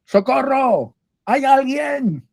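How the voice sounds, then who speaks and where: A desperate man dangling from a branch over a cliff yells for help in a shrill, strained voice that jumps far above his normal speaking range, as a male teacher puts him on in a joke. The voice is dry and close, with little room sound behind it. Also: sing-song, normal speed, vocal fry, dry recording, full character voice. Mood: panicked. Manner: shrieking cries for help.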